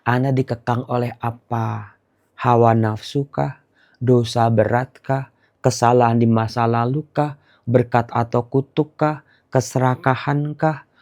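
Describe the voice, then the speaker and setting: A middle-aged man, a priest, teaching the Bible in a casual, conversational way and chanting prayer phrases in a slow monotone. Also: mid-range voice.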